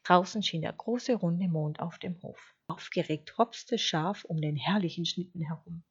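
A woman reading a children's story aloud in a slow, expressive storytelling manner. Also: lowish voice, husky, lo-fi sound. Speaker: narrator.

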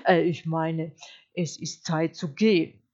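A woman voicing a sly, hungry male wolf who talks slowly in a deep, lisping, overly polite voice for a storybook reading. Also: flat delivery, a little mellow, highs cut off. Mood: suave. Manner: slow, suave, mock-courteous.

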